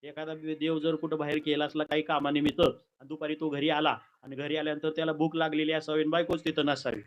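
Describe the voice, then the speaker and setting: A man performing a kirtan, telling a sacred story in a lively, dramatic way with comic asides. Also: a little high, fast, low-quality recording.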